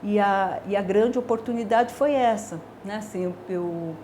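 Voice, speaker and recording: Brazilian woman, 60s, professor; mellow mid-pitched voice, thoughtful and halting with fillers. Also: slight background noise. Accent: Brazilian Portuguese. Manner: reflective, hesitant, many filler words. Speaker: dermatology professor. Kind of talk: personal career testimony.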